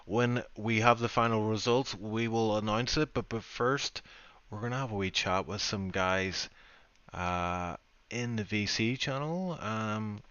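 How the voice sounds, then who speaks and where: Over dull, lo-fi stream audio, a man from the United Kingdom hosting a racing league chats casually after the race, rambling and poking fun at himself. His fairly low voice is unhurried, smooth and slightly bright, without echo.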